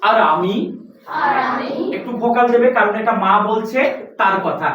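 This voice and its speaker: This mid-range, slightly bright voice moves briskly as a recitation teacher works through pronunciation with a class of children, patiently repeating the same questions. The setting is a classroom with benches. Sound is lo-fi, captured on a distant mic in a very echoey room.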